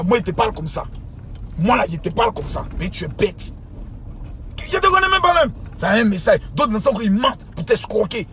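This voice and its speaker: A man with a high-pitched voice preaches a fiery, scolding rant at his followers. He hammers the same phrases again and again, dropping to a mutter and then bursting into shouts. Faint traffic hums behind him. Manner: scolding, repetitive, swings from low mutter to shouting. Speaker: pastor.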